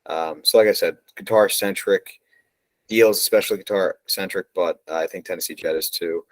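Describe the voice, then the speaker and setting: A man's voice: low voice, moderate pace, dry recording. A man chatting casually about songs, hesitant and full of fillers and restarts. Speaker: co-host ranking songs. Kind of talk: casual chat.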